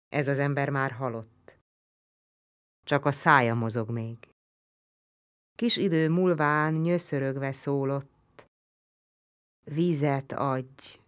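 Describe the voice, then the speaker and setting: Woman reading an old novel audiobook, low voice, slow and serious. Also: clear, resonant tone. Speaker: audiobook narrator. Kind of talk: audiobook narration of a historical novel.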